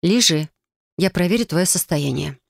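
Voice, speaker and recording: A woman voicing a young witch, speaking higher and more urgently, sometimes scolding. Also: expressive, normal speed, vocal fry, dry recording, studio quality. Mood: stern.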